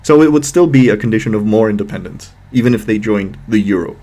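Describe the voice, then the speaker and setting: A man's voice: on the low side, lively intonation, mellow. Exasperated man reacting with sarcasm. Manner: exasperated, sarcastic, swears, slows down to stress points. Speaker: political commentator. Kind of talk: reaction video commentary.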